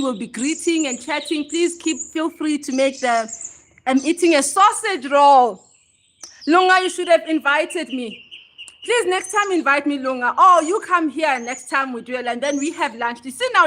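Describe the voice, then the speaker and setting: Bright-voiced South African woman livestreaming. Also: high voice, a little hiss or hum. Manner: chatty, greets viewers by name, laughs often. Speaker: livestream host. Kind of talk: casual livestream chat. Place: outdoors at home.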